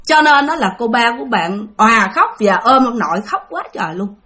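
A woman's voice: fairly high pitch, big pitch swings, brisk, bright, forceful tone. A woman with a Southern Vietnamese accent narrating a spooky story in a chatty way, often talking straight to her listeners. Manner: chatty, addressing listeners directly. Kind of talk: spoken ghost-story narration.

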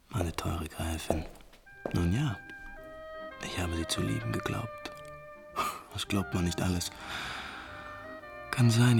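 A man's voice: lowish voice, full character voice. An actor playing an imperious, moody, lovesick prince in classical German stage drama, theatrical and declamatory, lingering on his words. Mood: wistful.

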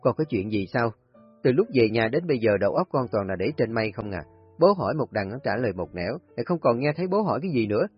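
A man playing a gruff caring old father. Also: medium pitch, sing-song, fast. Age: older. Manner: blunt, fatherly questioning. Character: older village father, stern but tender. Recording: husky voice, dull lo-fi audio, faint music.

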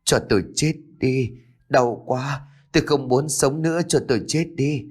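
A man voicing a bitter older woman in a ghost story, talking in rapid, shouted outbursts. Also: mid-range voice, sing-song, slightly rough, soft background music. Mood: anguished.

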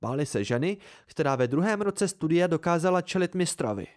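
A man voicing a fierce, proud young woman moneylender with a sharp, mocking way of talking. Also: expressive, no echo, clean studio sound, lightly acted. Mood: taunting. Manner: sharp, mocking and hissing, voice raised high.

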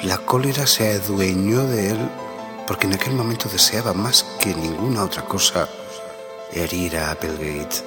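A man narrating a story in a grave, hushed way, at times dropping to a whisper. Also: sits low, normal speed. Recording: reverb-heavy with background music.

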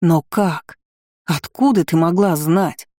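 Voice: mid-range voice, slow pace, darkish tone, dry recording, clean studio sound, natural voice. A reader voicing a young heroine who talks urgently and accusingly. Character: young heroine, defiant and angry vampire girl.

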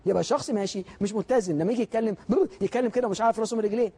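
Rapid, husky Egyptian man lecturing. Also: high-pitched, warm tone. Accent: Egyptian Arabic. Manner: emphatic, rhetorical questions, acts out quotes. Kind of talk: motivational lecture.

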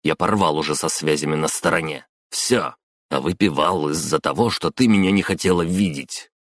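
A man's voice: extremely low pitch, fairly bright tone, dry recording, clean studio sound. A man reading a story, voicing a pushy young man who talks sharply and insists. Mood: insistent. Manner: brisk, insistent, exclaiming.

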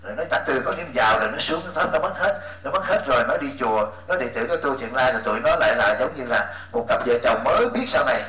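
A man, a Buddhist monk, gives an animated dharma talk and keeps asking his listeners for agreement. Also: mid-range voice, fast, few pauses. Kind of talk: dharma talk to a retreat audience. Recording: echoey hall, distant mic, faint hum.

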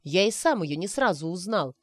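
A man's voice: sits high, big pitch swings, normal speed, no echo, clean studio sound. Woman doing a teasing young man playing wizard. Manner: playful, mock-mystical.

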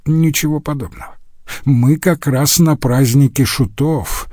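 A man voicing a mocking, sharp-tongued male medieval scholar who sneers at his colleagues. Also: medium pitch, measured pace, no echo, studio quality, pitched above the performer's own voice, close to an everyday voice. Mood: scornful. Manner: sneering, scornful.

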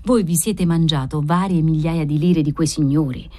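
A man's voice: a little high, moderate pace, warm tone, lightly acted. A woman voicing a scheming moneylender who talks in a mocking, laughing tone. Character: jeering, scheming moneylender, a grinning man.

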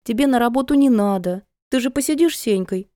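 A woman reader voicing the narrator's excitable, whiny adult sister, who talks in a shrill, pleading way. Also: brisk, no room sound, studio quality, natural voice. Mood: whining.

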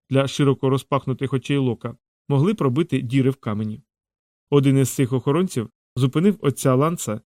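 A man reading a fantasy novel aloud in measured, steady audiobook narration. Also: mid-range voice, no echo, clean studio sound.

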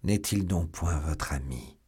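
A sardonic, steely English nobleman, as a male audiobook reader voices him. The voice is deep and husky, close to the reader's own. He speaks in a measured, quietly mocking tone. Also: exaggerated voice. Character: stern English baron, sly and mocking. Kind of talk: audiobook character voice.

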